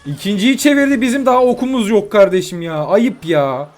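A young man giving live commentary on his own mobile game matches, excitable and quick to vent frustration at his opponents. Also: high-pitched. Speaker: gaming YouTuber. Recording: faint music behind.

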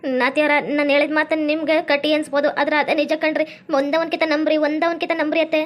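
A woman's voice: high voice, little pitch movement, very fast, lightly acted. A woman playing a desperate young daughter-in-law who keeps begging, with a North Karnataka accent. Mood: hurt. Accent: North Karnataka Kannada. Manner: begging, repeating calls.

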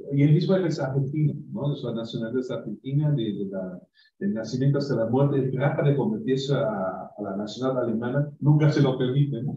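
Heard through dull, distant, roomy live-stream audio, a man with a dark, medium-pitched voice gives an improvised book presentation at an academic conference held at a university. He digresses often, restarts his sentences, and leans on tag questions.

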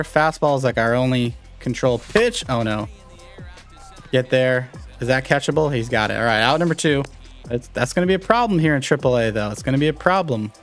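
A young man giving live commentary on a baseball video game he is playing, talking to his viewers and reacting loudly to each play, with faint music behind him. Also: medium pitch. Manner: excitable, talks to viewers while playing. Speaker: gaming YouTuber.

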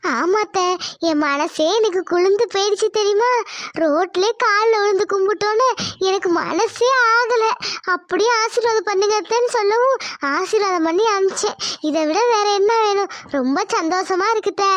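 A woman's voice: very high-pitched, normal speed, dry recording. A woman voicing a sweet, coy young village wife, cooing and affectionate in a cartoon. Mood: cheerful.

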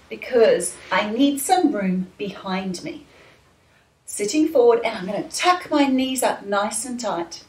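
A woman leading a children's dance class, talking to young kids in a slow, sing-song, encouraging way. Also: a little high, a little mellow. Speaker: children's dance and gym teacher. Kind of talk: leading a kids' movement class. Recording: echoey room, voice from far off, faint music.

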